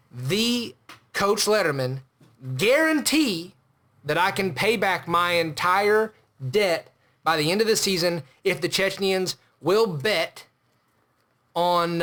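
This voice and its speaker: High-pitched guy hosting a comedy podcast, rambling, bragging nonstop. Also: bright, forceful tone. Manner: boastful, rambling and self-important. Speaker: podcast host. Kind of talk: comedic character monologue.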